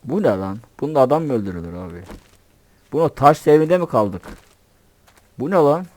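Lively young gamer man. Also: mid-range voice, normal speed. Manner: excitable, swears playfully, talks to himself. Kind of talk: casual gameplay commentary.

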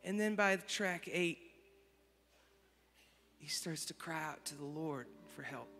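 A bright, high-voiced man preaching in a big church hall, with a long reverb trailing his words. He tells his story gently, dropping to near-whispers, then rises to fervent exclamations over soft music. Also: slow. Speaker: worship leader. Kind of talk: storytelling sermon. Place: large church auditorium.

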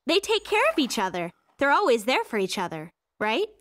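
A woman voicing a friendly, outspoken young girl in an animated cartoon, earnest and frank. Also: a little high, brisk. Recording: music under the dialogue.

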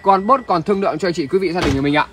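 High-pitched Vietnamese used car salesman, northern accent. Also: rapid-fire, a bit bright. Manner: used car salesman patter, repetitive filler tags, chatty appeals to viewers. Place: large covered open-air car lot at night. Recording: noisy outdoor car lot ambience.

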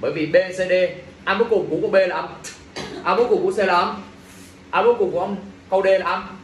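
A man leads an exam review lesson, bright and high in pitch. He jokes with the students and keeps asking them questions. The classroom sounds echoey, with faint background noise. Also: quick pace. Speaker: English teacher.

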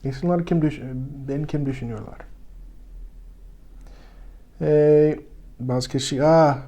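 A man with a foreign accent, still learning Turkish, teaching the Bible in simple, broken, halting sentences with frequent self-corrections. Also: fairly high pitch, dark tone. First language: not Turkish, still learning it.

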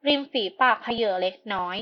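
A woman narrating a translated historical novel as an audiobook, in a steady storytelling manner. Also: a little fast, muffled recording. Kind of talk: scripted narration.

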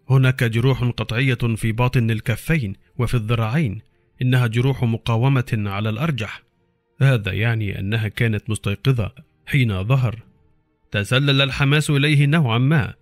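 A man's voice: mid-range voice, a little fast, no echo, faint music behind. A middle-aged man reading a horror story aloud as a dramatic audiobook narrator.

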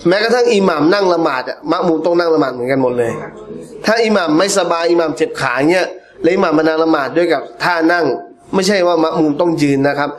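Male religious class teacher, animated and humorous, voice on the higher side. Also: fast talker. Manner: animated storytelling with laughter. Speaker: Islamic teacher.

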